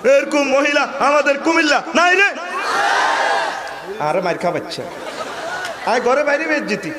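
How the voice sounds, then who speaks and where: Sermon preacher: man, Comilla Bangla accent, high voice, crowd behind. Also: animated, measured pace, echoey room, heavy background noise. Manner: humorous, shouting, acts out women's voices.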